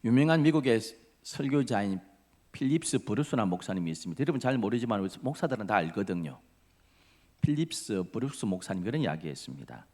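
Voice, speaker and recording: A male pastor preaching a sermon, swinging from loud emphasis down to hushed whispers. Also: lowish voice, sing-song, quick pace. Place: church sanctuary.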